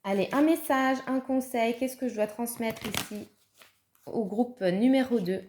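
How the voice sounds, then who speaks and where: A woman's voice: on the high side, measured pace, noisy background. A woman giving a casual, chatty tarot card reading, thinking aloud with fillers and little laughs. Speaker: tarot reader.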